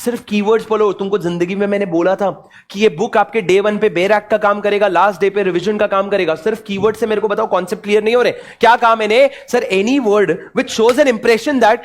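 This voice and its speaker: A young adult man from India giving an animated exam revision lecture, mixing Hindi and English and playing out student questions himself. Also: high-pitched, brisk. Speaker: teacher.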